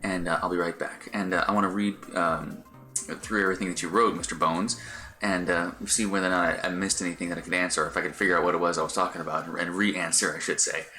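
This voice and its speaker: A man's voice: deep voice, steady tone, fast, sharp tone, faint music behind. A middle-aged man chatting casually on a live stream, rambling with many fillers and restarts. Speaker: Twitch streamer.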